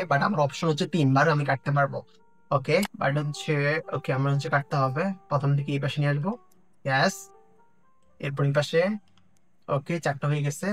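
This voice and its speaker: A young man from Bangladesh giving casual, excited commentary on a game he is playing, mixing English phrases into his talk. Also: fairly high pitch. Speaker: gaming YouTuber. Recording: music playing faintly behind.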